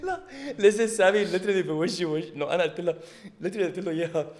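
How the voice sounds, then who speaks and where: A man's voice: high-pitched, expressive, rapid-fire, a little mellow. A man with a Lebanese Arabic accent chatting casually with a friend, slipping English phrases into his speech. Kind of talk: casual bantering chat with a friend.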